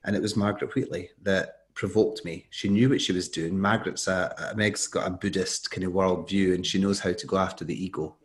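Man, middle-aged, low voice, animated storyteller, acts out quotes. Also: brisk, few pauses, a little hiss or hum. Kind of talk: storytelling in conversation.

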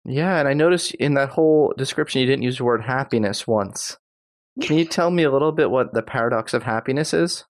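A man's voice: medium pitch, a little fast. A man hosting an interview podcast, introducing and questioning his guest with enthusiasm. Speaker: podcast host.

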